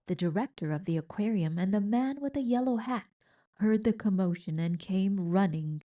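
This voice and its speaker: Here a mid-range female voice narrates a picture book for children. Her storytelling is careful and deliberate, full of expression.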